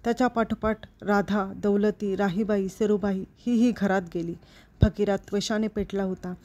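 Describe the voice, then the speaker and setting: A woman storyteller reading a novel aloud in a steady, expressive literary narration. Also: medium pitch, moderate pace. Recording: dull lo-fi recording.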